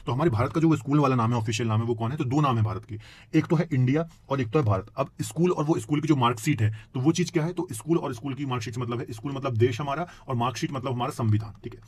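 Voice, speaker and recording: Fast-talking male geography teacher. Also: mid-range voice, darkish tone, a little hiss or hum. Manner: explains with questions, frequent tag "है ना". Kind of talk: classroom lecture.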